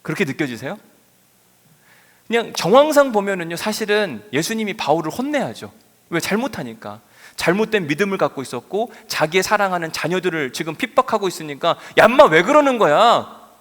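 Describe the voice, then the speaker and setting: A man preaching a sermon as pastor, asking the congregation questions in an animated way. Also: high voice, fairly quick. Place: church sanctuary. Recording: church hall reverb.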